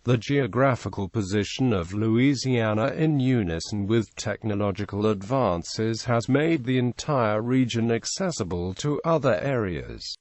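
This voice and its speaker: A man with a somewhat low voice reads an encyclopedic article aloud. His delivery is formal and scripted. The sound is very dry, with no room echo. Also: a little mellow. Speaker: narrator.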